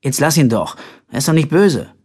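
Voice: medium pitch, big pitch swings, normal speed, darkish tone, husky. A reader voicing a tired young man minding his brother, firm and exasperated. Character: young man, weary older brother, patient but strained.

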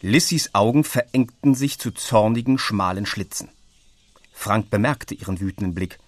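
A man reads a children's story aloud in a lively manner, giving each family member a voice. The sound is close and dry, with no room echo. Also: on the low side, normal speed, soft background music. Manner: lively, voices characters in dialogue. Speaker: narrator. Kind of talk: audiobook reading.

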